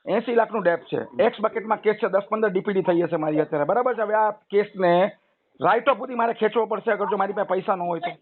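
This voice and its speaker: On a recorded phone call over a tinny line with faint noise, a loan customer with a high-pitched voice talks fast. He argues his case at length, persuasive, lecturing, and long-winded.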